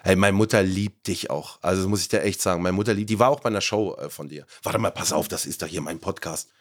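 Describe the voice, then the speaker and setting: A man hosting a podcast from an attic room at his family home, chatting excitably and telling stories. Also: deep voice, quick pace. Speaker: podcast host. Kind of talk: casual chat.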